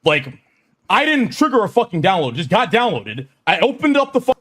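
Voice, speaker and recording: A man's voice: high-pitched, big pitch swings, brisk, fairly bright tone. A man talking casually on a stream, defensive and exasperated, swearing and repeating himself.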